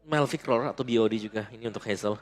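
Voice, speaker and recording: A man's voice: lowish voice, fast talker, noisy background. A man giving chatty, explanatory esports commentary as an analyst caster. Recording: loud music behind the voice. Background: music.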